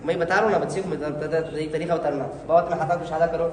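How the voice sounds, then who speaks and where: A man's voice: a little high, fairly even intonation, quick pace. A religious teacher demonstrating prayer steps to a group of learners, correcting and coaxing them as he goes. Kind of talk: hands-on prayer instruction. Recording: echoey hall, faint noise.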